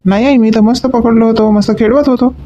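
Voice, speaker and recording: Figure: cheeky young boy voiced by a woman. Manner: whiny, coaxing. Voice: dark, muffled. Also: a little high, steady tone, fast talker, slight background noise, voice pushed down, natural voice.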